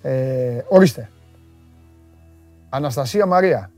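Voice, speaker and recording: A man hosting a live stream, greeting viewers and reading their comments in a playful, teasing way with sudden loud bursts. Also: mid-range voice, expressive, no room sound, faint music behind. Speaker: host.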